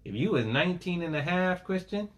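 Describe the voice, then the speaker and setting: A pastor with a high, animated voice preaches at a brisk clip, a faint hiss or hum under him. He calls out for amens again and again, blending scripture with homespun stories from everyday life in a call-and-response style.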